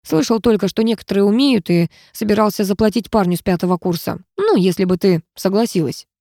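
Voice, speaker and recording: A woman's voice: mid-range voice, brisk, mellow, no room sound, clean studio sound, natural voice. A woman voicing a blunt young aristocratic male student who speaks frankly. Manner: blunt, plain-spoken confessions.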